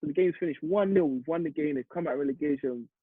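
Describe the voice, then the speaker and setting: A young man from East London with a London accent, a football striker telling a lively story in a casual interview. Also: on the high side, fast talker, breathy edge, no room sound. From East London, England. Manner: animated, vivid retelling with acted-out quotes. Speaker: interview guest, semi-pro striker. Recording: muffled phone-like audio.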